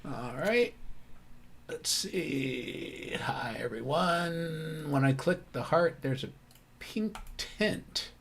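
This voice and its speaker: Slow-talking man reading viewer comments. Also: on the high side, lively intonation, gravelly, fairly bright tone, a little hiss or hum. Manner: reads viewer comments aloud. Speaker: co-host. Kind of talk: casual webinar chat. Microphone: video call mic.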